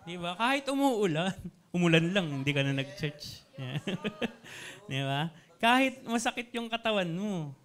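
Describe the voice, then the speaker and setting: A man preaching a casual sermon, chatty, often asking his listeners "right?", and reading Bible verses slowly. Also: high-pitched, very animated, fairly bright tone.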